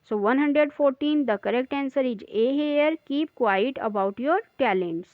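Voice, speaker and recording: A woman teacher with a somewhat high voice, taking each quiz question slowly and deliberately. The recording is dry and a little dull, like a basic home lo-fi setup. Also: no echo. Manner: reads quiz options slowly, then explains quickly in Hindi. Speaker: English teacher. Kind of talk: exam practice lesson.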